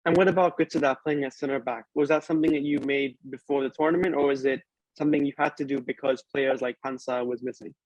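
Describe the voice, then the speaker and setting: A man's voice: mid-range voice, fairly even intonation, quick pace, darkish tone, no room sound, low-quality recording. A man conducting a conversational sports interview, putting questions to a guest.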